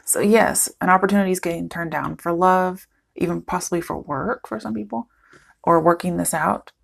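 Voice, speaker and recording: A woman's voice: fairly low pitch, normal speed. A woman giving a casual, chatty tarot reading to her viewers, thinking aloud as she goes, her voice cracking at times. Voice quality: voice cracking, throat clearing. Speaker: tarot reader.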